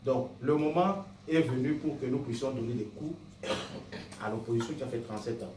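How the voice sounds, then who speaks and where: In a mid-range voice running a little fast, a man argues earnestly and without preparation from the floor of a political meeting, speaking as a party member. The sound is distant and roomy, with a noisy indoor hall around him.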